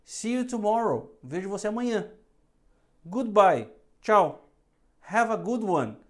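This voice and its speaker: A Brazilian woman teaches English phrases at a medium pitch, speaking each one slowly and clearly. She talks in the patient tone of a teacher drilling a class that repeats after her. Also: very animated. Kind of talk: bilingual English lesson.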